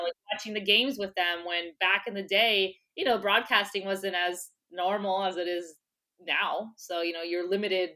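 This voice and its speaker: A former soccer player, a native English speaker, chats as a guest in a casual podcast interview, laughing often and using plenty of filler words. Her voice sits fairly low and sounds pushed and bright.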